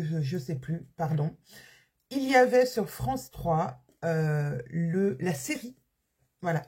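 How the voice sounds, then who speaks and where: A woman's voice: medium pitch, darkish tone, breathy edge. A woman chatting casually about her weekly reading, hesitant and often correcting herself. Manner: hesitant, many fillers and restarts, self-correcting. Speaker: book podcaster. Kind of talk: casual book review chat.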